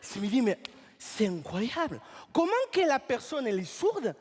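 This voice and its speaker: A comedian playing a rambling male storyteller who mangles his French, talking with lively, swooping pitch on stage. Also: moderate pace, breathy edge, exaggerated voice. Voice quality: garbles grammar and words. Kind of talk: improvised stage comedy sketch.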